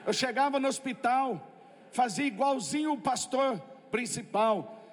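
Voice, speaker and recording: High-voiced Brazilian preacher in a reverberant hall. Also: male voice, a little slow. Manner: lively storytelling with comic asides. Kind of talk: humorous testimony sermon.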